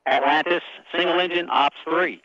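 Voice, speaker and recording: A man at mission control giving crisp, formal call-outs over a crackly space radio link. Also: fairly high pitch, steady tone, moderate pace, sharp tone. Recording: dull dry radio channel.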